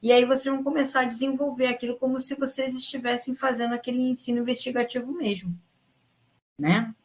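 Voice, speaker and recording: A woman's voice: high-pitched, steady tone, fast talker. A woman teacher talks her class through a lesson over an online call. She rambles and stops herself mid-sentence, then starts over. She checks in with her students after almost every point to keep them with her. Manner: rambling, frequent fillers and restarts.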